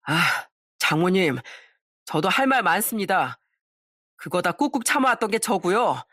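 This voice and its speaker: A woman's voice: lowish voice, very animated, unhurried, fairly bright tone, dry recording, clean studio sound, heavily acted. A woman voicing an evasive cheating husband who makes defensive, pleading excuses in a story drama.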